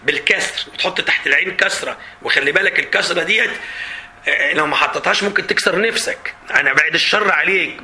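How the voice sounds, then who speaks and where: A man with an Egyptian accent teaching an exam review lesson in a lively, chatty way, acting out student questions. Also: high-pitched, slight background noise. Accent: Egyptian Arabic. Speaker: Arabic teacher.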